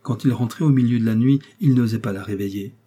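A man reading a classic novel aloud in measured, expressive narration. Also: mid-range voice, slightly rough. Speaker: audiobook reader. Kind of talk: scripted literary narration.

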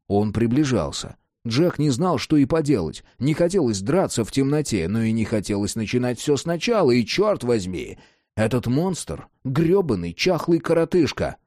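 Animated male audiobook narrator. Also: medium pitch, dry recording, clean studio sound. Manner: animated, dramatic reading.

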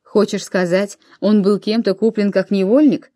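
A woman voicing a young, cautious Roman emperor in an audiobook, speaking in a measured, questioning way. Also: medium pitch, steady tone, dark tone, dry recording, clean studio sound, close to an everyday voice.

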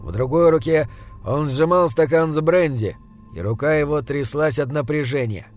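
A man reading a story aloud in a measured, even storytelling manner. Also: on the high side, faint music behind. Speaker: audiobook narrator. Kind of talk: scripted narration.

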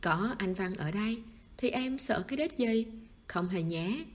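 A woman's voice: mid-range voice, animated, measured pace, natural voice. A woman voicing a scared, whiny young man in a read-aloud storybook. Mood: boastful. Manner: pleading, whiny.

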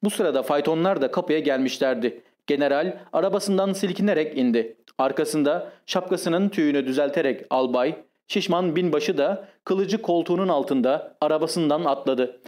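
A man narrating a classic short story as an audiobook, calm and measured. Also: a little high. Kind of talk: scripted narration.

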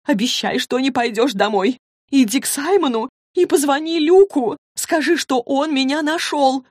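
A terrified, protective mother, as a woman reader puts her on, her voice climbing high, strained and pleading. The recording is close and dry. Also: big pitch swings, slow, warm tone, slightly rough, no echo, heavily acted. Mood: panicked. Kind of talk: audiobook character voice.

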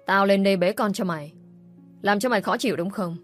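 A woman's voice: mid-range voice, a little fast, faint music behind, lightly acted. Woman voicing a scolding bitter mother-in-law. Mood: nagging. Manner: scolding, accusing. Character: bitter nagging middle-aged mother-in-law.

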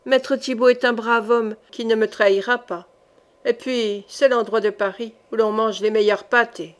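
A woman reading an audiobook, voicing a fierce, proud male medieval captain who speaks low and cold. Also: fairly even intonation, normal speed, close to an everyday voice. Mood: confiding.

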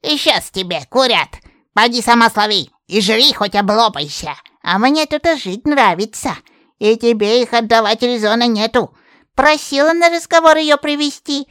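A woman's voice: fairly high pitch, lively intonation, moderate pace, fairly bright tone, no echo, clean studio sound. A woman voicing a grumpy old forest witch who talks like a rustic village granny, in an audiobook. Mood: scolding. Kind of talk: audiobook character voice.

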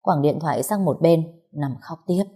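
A young woman narrating a first-person romance story in a calm, wry way. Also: sits low, moderate pace, slightly rough. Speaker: audiobook narrator.

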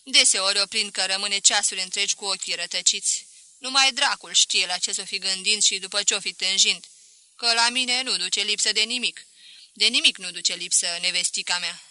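A loud, self-pitying middle-aged shopkeeper from a storybook reading, grumbling over and over about his lot, as a woman acts him out. The voice is bright and close, with a dry, echo-free sound. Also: mid-range voice. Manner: loud, complaining, repeating himself.

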